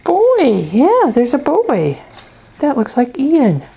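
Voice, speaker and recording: A young woman coos at a toddler in playful, coaxing baby talk, her voice swooping high and low. She speaks very slowly, drawing out each word, and sits a little above the usual pitch. It's caught on a home camcorder with a faint hiss behind her. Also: huge pitch swings, creaky, mellow. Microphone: handheld camcorder.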